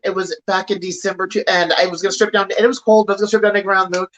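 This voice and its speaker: A woman's voice: mid-range voice, fairly even intonation, racing, fairly bright tone, rough recording. A woman hosting a casual chat about astrology. She rambles with lots of fillers and speaks bluntly, with some swearing. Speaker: astrology stream host.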